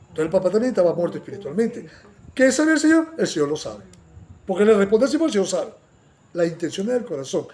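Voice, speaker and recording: Talking fast in a high voice, the preacher animates his Bible study sermon by asking listeners to agree and dramatizing quotes with a raised voice.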